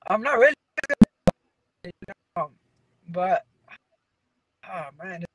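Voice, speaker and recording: A young man, a boxer, speaking over a bad phone connection that keeps breaking up and dropping out, his answers short and halting. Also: sits high, animated, heavy background noise. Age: young adult. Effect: phone line breaking up, voice dropping out. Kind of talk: phone interview.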